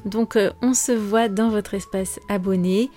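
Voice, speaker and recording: A woman teaching her language on a podcast, explaining calmly with frequent fillers and pauses. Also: medium pitch, faint music behind. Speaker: French teacher and podcast host. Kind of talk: podcast lesson monologue.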